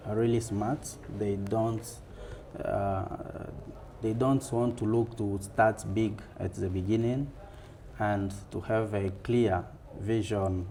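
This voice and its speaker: A man with an African accent answering in a fireside chat interview in a halting, deliberate way. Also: on the low side, dark tone, slight background noise.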